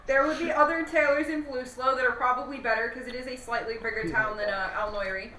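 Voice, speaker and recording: Bright-voiced woman running the game. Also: high voice, steady tone, fast talker, echoey room, a little hiss or hum, low-quality recording. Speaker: game master. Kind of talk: casual tabletop game chat. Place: living room with a couch.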